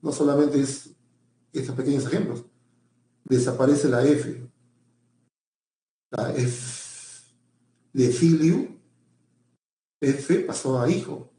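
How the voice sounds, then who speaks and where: A man's voice: medium pitch, unhurried, long pauses, dark tone, roomy sound. A male teacher giving a pre-university language lecture, often repeating himself and checking in with his students.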